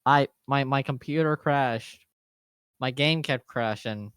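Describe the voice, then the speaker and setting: A man joking around on a group podcast from his home setup, mid-pitched, with a dry, close desk-mic sound. He swears freely and bursts into loud outbursts. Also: slow pace, smooth, dry recording. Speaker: vtuber podcast co-host. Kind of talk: casual group chat.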